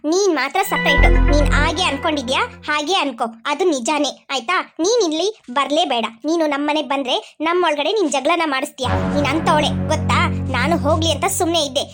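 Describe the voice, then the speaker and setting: A woman's voice: sits high, a little fast, natural voice. A woman voicing a stern, protective older girl in a cartoon, who talks in a firm, scolding way. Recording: cartoon with loud music underneath.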